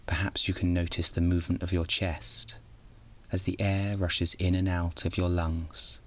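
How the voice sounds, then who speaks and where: A deep-voiced man acts as host for a bedtime guided meditation, narrating like a sleep story teller. His pace is unhurried and his manner calm and soothing.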